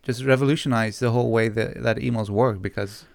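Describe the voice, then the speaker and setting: A man's voice: medium pitch, fairly even intonation, fairly quick, gravelly, no room sound, clean studio sound. A man co-hosting a podcast, chatting casually and slipping into joking, mock-dramatic rants. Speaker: podcast co-host. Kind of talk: casual chat.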